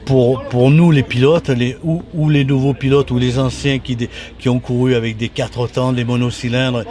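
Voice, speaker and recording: At a racing circuit, a former motorcycle racer in his sixties from Toulon reminisces as a guest in a casual interview, his speech halting and full of restarts. He has a mild southern French Toulon accent and a medium-pitched, a little mellow voice with a flat delivery.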